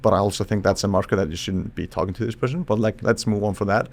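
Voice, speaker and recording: Low-voiced man, halting and thoughtful. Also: steady tone, gravelly. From Iceland. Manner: thoughtful, halting, restarts mid-phrase. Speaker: psychologist and charisma expert guest. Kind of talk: casual podcast interview.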